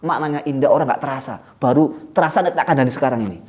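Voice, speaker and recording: A middle-aged man with an East Javanese accent teaching a lively, joking religious lecture to students, with Javanese asides. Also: mid-range voice, rapid-fire. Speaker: pesantren head teacher.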